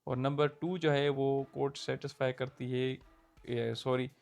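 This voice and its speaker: With a gravelly, darkish mid-range voice that barely moves in pitch, this young man lectures on law at a measured pace, faint music behind him. He speaks with a Pakistani Urdu accent in a relaxed, conversational style, frequently asking "theek hai" to check his listeners are following.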